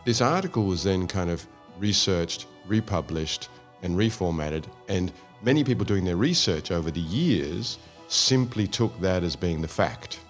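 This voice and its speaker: A man hosting an interview, asking long rambling questions with anecdotes. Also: low voice. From Australia. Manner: rambling, talks through anecdotes. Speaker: host.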